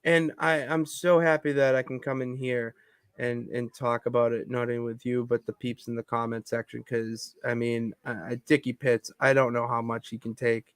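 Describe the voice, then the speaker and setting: A man co-hosting a podcast from his home basement, talking in an excitable, rambling way with many restarts. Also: mid-range voice, normal speed, smooth, no echo. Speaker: podcast co-host. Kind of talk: casual chat.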